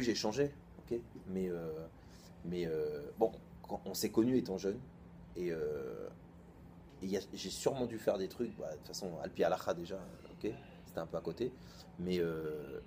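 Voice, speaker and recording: Low-voiced rabbi telling a lively story. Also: male voice, slight background noise. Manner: colloquial, lively, acts out both sides of a dialogue. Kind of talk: informal storytelling sermon.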